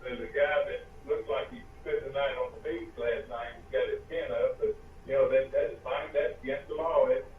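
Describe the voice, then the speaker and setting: Thin, bass-less speakerphone man. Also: a little fast. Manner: relaxed, rambling observations. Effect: thin tinny speakerphone sound with no bass. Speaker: regular caller reporting from the beach. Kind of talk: casual radio chat. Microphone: phone held away on speakerphone. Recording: distant, tinny phone line with faint hiss.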